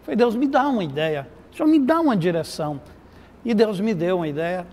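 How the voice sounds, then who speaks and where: High-voiced middle-aged pastor telling stories. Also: male voice, brisk. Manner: animated anecdote-teller with quoted dialogue. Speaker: pastor and therapist guest. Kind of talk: lively storytelling in a TV interview. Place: TV studio. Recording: reverberant studio with faint noise.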